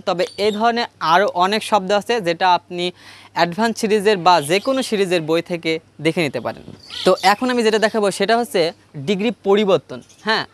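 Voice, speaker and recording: A man with a Bangladeshi Bengali accent teaching an English grammar lesson step by step, asking questions and answering them himself. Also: high voice. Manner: repeats key points for emphasis. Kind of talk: classroom grammar lesson at a board.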